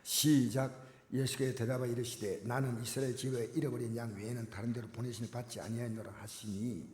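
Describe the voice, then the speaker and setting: Korean pastor preaching in an echoey hall. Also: male voice, mid-range voice, little pitch movement, brisk, a little hiss or hum. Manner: emphatic preaching, swings from loud exclamations to near-whispers; addresses the congregation directly with repeated questions. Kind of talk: sermon. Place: church sanctuary. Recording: echoey church hall with long reverb.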